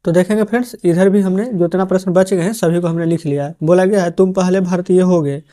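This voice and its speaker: Here a male teacher with a high-pitched, mellow voice speaks at a quick pace in a steady tone. He dictates the answers to a translation lesson one word at a time, frequently checking on viewers and treating them as friends.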